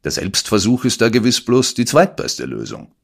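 A man's voice: on the low side, moderate pace, vocal fry, voice pushed up, full character voice. A man putting on an unflappable, ironic detective. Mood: innocent. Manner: calm, innocent-sounding irony. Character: calm, dryly ironic male detective, unflappable. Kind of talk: audiobook character voice.

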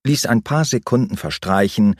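A man narrating an audiobook thriller in a measured, suspenseful way. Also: fairly low pitch, no echo, clean studio sound.

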